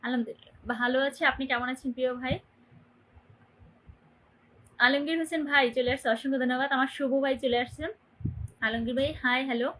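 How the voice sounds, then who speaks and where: A woman's voice: high-pitched, steady tone, very fast, fairly bright tone, poor audio. A young woman from Bangladesh hosting a phone livestream, greeting viewers by name and cheerfully urging them to comment and share. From Barisal, Bangladesh. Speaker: livestream host. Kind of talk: casual livestream chat.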